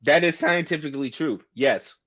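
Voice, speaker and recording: A man's voice: on the high side, normal speed, fairly bright tone, muffled recording. Emphatic man arguing on a podcast. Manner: argumentative, emphatic, makes a point at length. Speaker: podcast co-host. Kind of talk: casual debate.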